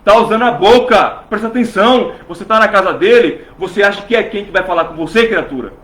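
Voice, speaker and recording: A man's voice: sits high, fast talker, fairly bright tone, roomy sound, poor audio. A man preaching a fervent sermon in a church, pressing his listeners with rhetorical questions and acting out what imagined churchgoers say.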